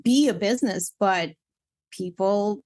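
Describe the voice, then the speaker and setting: A candid woman from Ukraine speaks as a matchmaker guest, talking bluntly and with lively energy. She often restarts her sentences as she goes. Her voice sits at a middling pitch for a woman. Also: a little slow. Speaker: matchmaker and dating coach guest. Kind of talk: casual interview chat.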